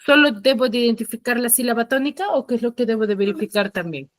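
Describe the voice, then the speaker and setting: A woman's slightly high voice, captured in a dry recording, as she teaches an online class. She keeps questioning her students and explains at a slow, emphatic pace.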